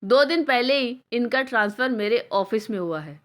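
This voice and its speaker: A woman reading the lines of a calm, caring middle-aged husband in a spoken story, gently and reassuringly, in a fairly high voice. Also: normal speed, lightly acted. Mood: gentle.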